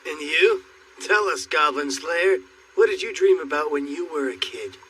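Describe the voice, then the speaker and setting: A man voicing a brash, boastful young male warrior in an anime English dub, loud and teasing, often shouting. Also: a little high, lively intonation, moderate pace, heavy background noise, close to an everyday voice. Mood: boisterous. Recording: distant voice under loud score.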